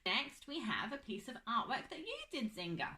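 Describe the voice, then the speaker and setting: A woman's voice: a little high, sing-song, moderate pace, sharp tone. A young woman teaching a phonics lesson to children, patient and drawing out her words.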